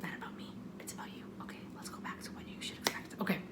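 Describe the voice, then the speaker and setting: A woman vlogger whispers a rapid-fire first-person story, casual, rambling and expressive, dropping in self-deprecating, apologetic asides. The recording sounds homemade.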